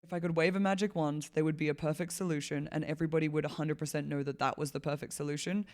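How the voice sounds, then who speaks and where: A woman from Malawi appears as a podcast guest in a casual conversational interview, rambling loosely, laughing often, and relying heavily on "like." Her voice is low with fairly even intonation, fast, and darkish in tone.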